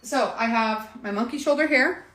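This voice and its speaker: The host of this casual live cocktail demo is a woman whose voice sits on the high side, moving at a normal speed. She talks straight to viewers with many asides, amid background noise, faint clatter, and an echoey room.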